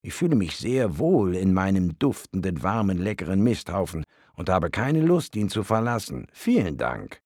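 A stubborn, grouchy little worm speaks in a gruff voice pitched well above the reader's own, as a man reading the storybook puts it on. His tone swings widely, and a gravelly rasp stays under it. The sound is close and dry. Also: big pitch swings, moderate pace, a little mellow, no echo, exaggerated voice. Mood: grumpy. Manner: gruff, then shrieking for help. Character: grumpy stubborn little male worm in dung.

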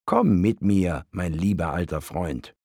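A warm-hearted heavenly deva, once a monk, speaks earnestly and coaxingly in a voice lifted far above the reader's own, as a man narrating the storybook plays him. A husky grain stays under the raised pitch. The sound is close and dry. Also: a little slow, dry recording, exaggerated voice. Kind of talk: audiobook story reading.

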